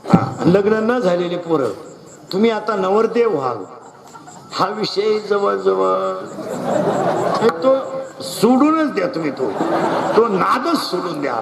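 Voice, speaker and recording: A man with a Marathi accent doing comic stage talk at an outdoor festival, quizzing the audience in quick call-and-response through a stage mic. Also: high-pitched, very animated, gravelly. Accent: Marathi, western Maharashtra. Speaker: stage comedian. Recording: echoey outdoor stage, loud crowd. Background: loud crowd noise.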